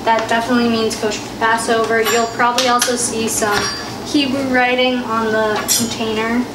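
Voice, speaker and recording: This teen home-cooking vlogger speaks at a moderate pace in a fairly high voice with flat delivery. She chattily walks through a recipe step by step with lots of fillers in a casual demo, recorded on a phone camera, handheld at times, in an echoey, noisy kitchen.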